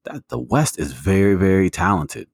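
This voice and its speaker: A man's voice: sits low, big pitch swings, moderate pace, vocal fry, husky, no room sound, studio quality. A man co-hosting a sports podcast, making his case with stats and lots of fillers. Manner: argues a point with stats, many fillers. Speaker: podcast co-host. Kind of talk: casual sports talk.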